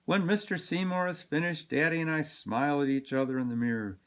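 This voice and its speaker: With a fairly high pitch, this storybook reader takes his time over a children's picture book, giving it an expressive, deliberate telling.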